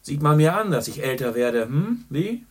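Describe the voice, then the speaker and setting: A man voicing a boisterous, worldly middle-aged journalist who talks loudly and boastfully. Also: a little high, big pitch swings, normal speed, husky, pitched above the performer's own voice. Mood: hearty. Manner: loud, hearty and boastful.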